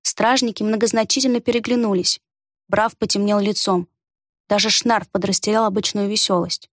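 A woman narrating a fantasy story in an even storytelling delivery. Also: medium pitch, moderate pace, no echo, studio quality. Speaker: audiobook narrator. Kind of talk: scripted narration.

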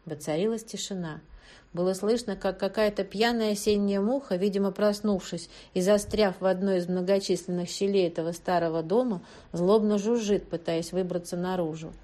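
A woman narrating a first-person audiobook in a tense, expressive way. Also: medium pitch, normal speed.

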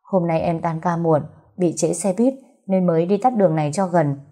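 A woman doing a gentle young heroine, soft and pleading, low mellow voice. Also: normal speed, lightly acted.

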